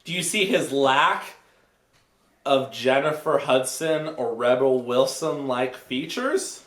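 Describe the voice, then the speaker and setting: Drunk, animated man, rambling. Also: mid-range voice, slow. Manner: drunk, rambling and repeating himself. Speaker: comic film reviewer. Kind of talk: rambling comedic review to camera. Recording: echoey room.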